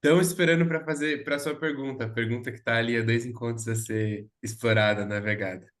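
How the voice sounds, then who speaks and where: A man hosts a relaxed conversation, speaking gently and affirming each guest. His voice sits at an ordinary middle pitch, and he laughs easily as he talks. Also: fairly quick. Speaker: podcast host. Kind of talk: warm conversational hosting.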